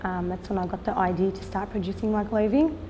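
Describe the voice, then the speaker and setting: A woman's voice: mid-range voice, mellow, slight background noise. Woman with a long echoing reverb. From Australia. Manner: earnest, unhurried, with frequent "um" pauses. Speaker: fashion designer and business owner. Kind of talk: documentary interview.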